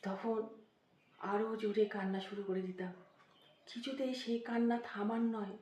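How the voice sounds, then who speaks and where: A woman's voice: mid-range voice, fairly even intonation, measured pace, warm tone, distant mic. A woman giving a motivational talk as a story, with an emotive, dramatic delivery that rises and drops suddenly. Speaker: motivational speaker. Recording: echoey room.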